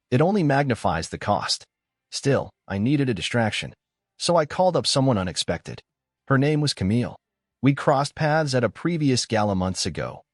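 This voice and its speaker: A man narrating a first-person story in a calm, measured, scripted way. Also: medium pitch, no echo, clean studio sound.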